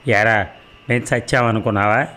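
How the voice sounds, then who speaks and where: Man voicing a gruff, stubborn old father. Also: fairly low pitch, steady tone, moderate pace, pushed and bright. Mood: angry. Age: older. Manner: gruff, sulky. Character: older father, proud, stubborn, quick to anger.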